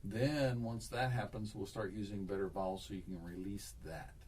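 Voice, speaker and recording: A man's voice: on the low side, fairly even intonation, normal speed, darkish tone, far from the mic, slight background noise. A man giving a one-on-one singing lesson, coaching and demonstrating exercises, repeating himself as he explains. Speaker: voice teacher.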